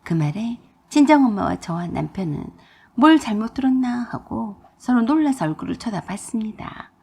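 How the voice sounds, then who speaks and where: Woman, radio drama narration, raspy, gravelly, lively pitch. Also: moderate pace. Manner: storytelling, first person.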